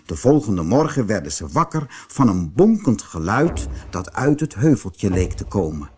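Slow, expressive male storyteller. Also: lowish voice, slight background noise. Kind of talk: fairy-tale audiobook reading.

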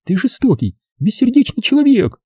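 Man putting on a shrill young woman, desperate and wild, high strained voice, husky dark undertone, dry close sound. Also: big pitch swings, normal speed, no room sound. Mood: furious. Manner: shrill, pleading and screaming insults.

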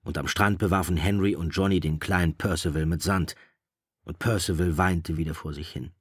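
A man narrating a novel in a measured, steady storytelling voice. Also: low voice, slightly rough, dry recording, clean studio sound.

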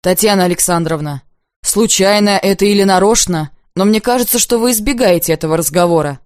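A woman voicing an earnest, straightforward young man who speaks in a halting, plain-spoken way. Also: medium pitch, no echo, studio quality, close to an everyday voice.

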